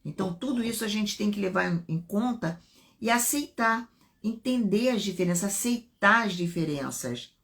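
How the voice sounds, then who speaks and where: A woman's voice: medium pitch, animated, moderate pace, a bit bright. A middle-aged woman with a Brazilian Portuguese accent, hosting a live talk and explaining as she goes, often repeating phrases and checking in with "né?". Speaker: live stream host and self-development speaker. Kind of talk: unscripted live talk on relationships.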